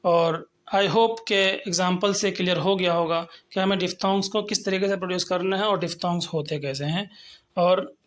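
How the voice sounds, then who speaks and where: A man teaching English pronunciation, explaining step by step and slowly sounding out example words. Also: sits high, fairly bright tone. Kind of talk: lecture on phonetics.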